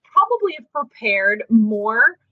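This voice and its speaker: A woman's voice: on the high side, big pitch swings, slow, muffled recording. A woman in her thirties co-hosting a podcast, chatting casually and bubbly, laughing often. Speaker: podcast co-host. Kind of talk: casual chat.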